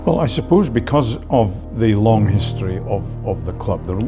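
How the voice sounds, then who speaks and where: Halting older-sounding club man, deep. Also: big pitch swings, music in the background. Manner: measured, halting, many restarts. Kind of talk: interview answers.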